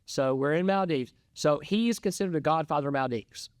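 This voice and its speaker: A middle-aged man co-hosts a podcast in loose, casual chat. He rambles through his story with excitable energy, in a somewhat high voice recorded close and dry. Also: fairly quick, clear, resonant tone, no echo. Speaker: podcast co-host.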